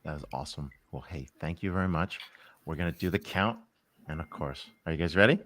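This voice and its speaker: A man's voice: extremely low pitch, brisk, a bit bright, no room sound. A man co-hosting a talk show over a video call, upbeat and effusive as he introduces guests. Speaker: co-host. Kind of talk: lively show intro chat.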